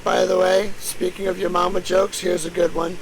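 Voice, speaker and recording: A man's voice: sits high, flat delivery, normal speed, vocal fry, a crowd in the background. A man in his late thirties joking and swearing in casual voice chat during a game. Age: 30s. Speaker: game player. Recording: noisy voice-chat audio.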